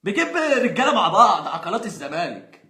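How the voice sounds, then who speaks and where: A man's voice: high voice, sing-song, quick pace, very noisy. A young Egyptian man, a football fan, ranting in exasperation and sarcasm, sometimes laughing. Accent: Egyptian Arabic. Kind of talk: angry ranting monologue. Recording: roomy echo.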